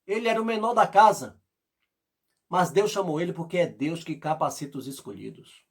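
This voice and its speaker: A man preaching as pastor, fervent and pleading, with loud bursts and soft passages. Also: fairly high pitch, lively intonation, moderate pace, creaky, slightly rough. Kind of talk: sermon.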